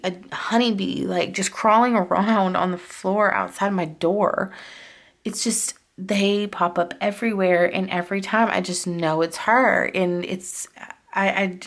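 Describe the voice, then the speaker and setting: A woman's voice: mid-range voice, gravelly. A woman vlogger chatting casually while decorating her planner, rambling and confiding as she drifts off-topic.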